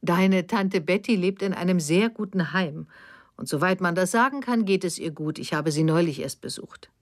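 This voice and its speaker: Eine Frau spricht in einer Hörbuchlesung eine verbitterte ältere Mutter mit vorwurfsvollem, schneidendem Ton. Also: female voice, fairly low pitch, normal speed, natural voice. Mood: dismissive. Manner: reproachful, cutting. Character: bitter, defensive older mother.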